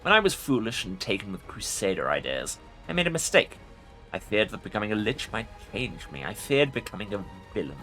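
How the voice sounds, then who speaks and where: A man's voice: lowish voice, big pitch swings, brisk, pushed and bright, soft background music, heavily acted. A man voicing an ancient undead lich from a fantasy game, arrogant and imperious, with pompous formal speech. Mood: irritated, haughty. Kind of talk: dramatic video game role-play reading.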